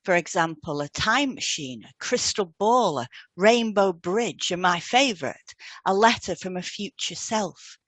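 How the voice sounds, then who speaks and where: This woman, a podcast co-host and hypnotherapy trainer, reads scripted explanations aloud in an instructive manner for an educational podcast. Her voice is medium-pitched, expressive and a bit bright, with a measured pace and no room sound.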